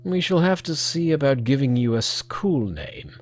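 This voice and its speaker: A storyteller voicing a stern old patriarch teacher who questions a new pupil, gruff and measured. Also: medium pitch, big pitch swings, natural voice.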